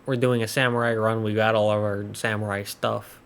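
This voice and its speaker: A man's voice: on the low side, little pitch movement, fairly quick, slight background noise. A man giving casual, joking commentary as he plays through a game. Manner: chatty, joking asides. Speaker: gameplay commentator.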